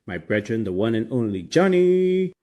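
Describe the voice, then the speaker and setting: A man's voice: medium pitch, very animated, moderate pace, mellow. A man with a Trinidadian accent hosting a casual motivational podcast, talking in colloquial Caribbean slang. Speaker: podcast host.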